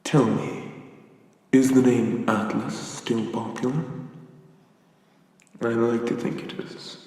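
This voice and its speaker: A man with an Irish accent playing an old giant god of the hunt in a soft whispered role-play, measured and formal, courteous with quiet menace. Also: medium pitch, flat delivery, close to an everyday voice. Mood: courteous, wistful. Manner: slow, measured, formal, condescendingly gentle giant. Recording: echoey hall-like reverb, somewhat distant.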